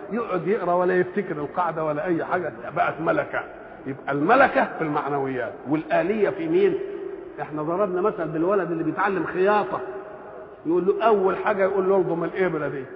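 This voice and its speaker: Older Egyptian preacher in echoey hall. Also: male voice, a little high. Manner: animated, asks rhetorical questions and answers them. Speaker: Quran commentator. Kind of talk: colloquial religious lesson. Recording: tinny lo-fi recording in echoey hall.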